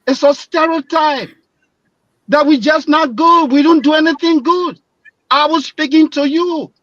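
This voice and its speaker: A man from Liberia with a Liberian accent, speaking as a guest on a radio panel and growing loud and emphatic. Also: extremely high pitch, measured pace, no echo, highs cut off. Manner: impassioned, grows loud and emphatic.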